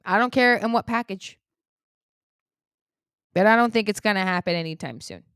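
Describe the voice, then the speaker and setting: A woman giving a heated political opinion monologue, indignant, swinging between loud outbursts and low muttering. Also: moderate pace, clean tone, no room sound, clean studio sound. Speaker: political commentator.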